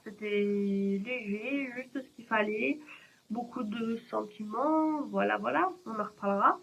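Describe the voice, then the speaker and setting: A woman's voice: on the high side, a little slow, gravelly. A woman chatting casually about books at home, rambling along with lots of fillers. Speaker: book vlogger. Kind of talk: casual chat. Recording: dull lo-fi sound with faint hiss.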